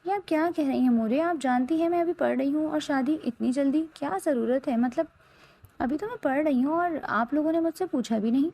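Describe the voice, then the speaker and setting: A tearful young student girl from a spoken storybook, as a woman narrator puts her on. The voice sits a little high, with a faint gravelly edge. She pleads in a damp, upset voice. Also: dark tone. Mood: tearful protest.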